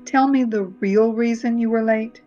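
A woman's voice: on the high side, steady tone, moderate pace, dark tone, soft background music, lightly acted. A woman voicing a worried mother who scolds her son in a storybook reading. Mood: scolding. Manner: scolding sharply. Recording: dull, muffled reading recording.

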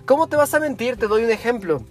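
A man's voice: extremely high pitch, lively intonation, fast, faint music behind. A man giving a motivational self-help talk, asking rhetorical questions and laying out numbered steps. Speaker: motivational speaker.

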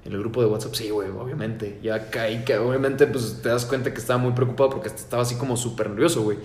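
A man's voice: mid-range voice, fairly even intonation, quick pace, darkish tone. A young Mexican man co-hosting a podcast, telling stories in a slangy, swearing, casual way. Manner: slangy storytelling, swears a lot. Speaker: podcast co-host. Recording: echoey room, faint background noise.

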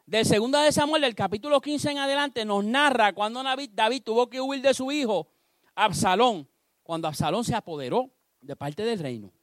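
A man preaching a sermon, telling a story with animated delivery and acting out the characters. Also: extremely high pitch, normal speed, no echo, clean studio sound.

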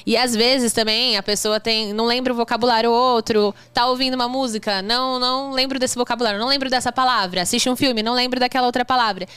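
A woman's voice: fairly high pitch, steady tone, quick pace, hardly any pauses, a bit bright, clean tone, no room sound. A woman hosting a casual interview chat, agreeing with her guest and adding her own points.

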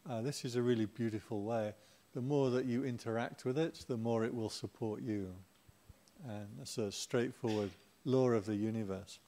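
Relaxed, joking man giving a Dharma talk. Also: mid-range voice, moderate pace. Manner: chatty and humorous, with playful asides to the audience. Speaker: Buddhist Dharma teacher.

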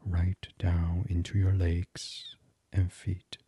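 A man's voice: sits low, monotone, slightly rough, no echo. A man leading a guided meditation in a soothing voice that often drops to a whisper. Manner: slow, soft and soothing, drifting into whispers.

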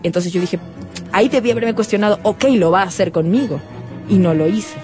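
A woman co-hosting a radio show, telling a personal story in an animated way and acting out the quoted voices. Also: medium pitch, a little fast, over music. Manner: lively, acts out quoted voices. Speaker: radio co-host.

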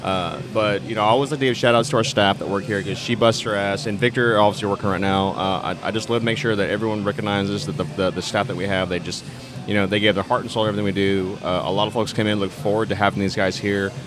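A man's voice: fairly low pitch, fast, crowd noise. A middle-aged man who owns a brewery, talking in a hammy, joking way on a podcast. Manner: animated, hammy, fond of joking. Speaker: brewery owner. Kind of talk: casual podcast chat. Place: brewery taproom.

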